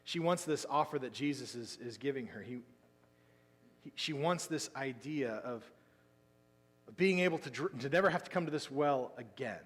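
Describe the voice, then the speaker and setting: A man preaching a sermon as pastor, telling the story with lively emphasis that drops into quiet asides. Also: mid-range voice, normal speed, husky. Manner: animated storytelling, swinging between loud emphasis and quiet asides. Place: church sanctuary. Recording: long hall reverb.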